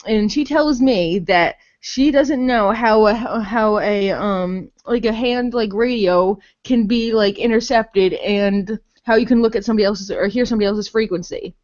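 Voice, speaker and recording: On dull audio, a woman with a medium-pitched, darkish voice hosts a loose game review podcast. Her talk is unscripted and rambling, packed with "like," frank, and sprinkled with swearing.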